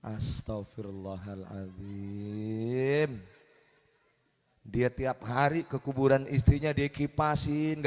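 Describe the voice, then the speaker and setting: High-voiced preacher joking with a crowd. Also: male voice, long reverb tail. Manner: jokey, teasing the audience with questions. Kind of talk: humorous sermon to a crowd. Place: religious gathering at night.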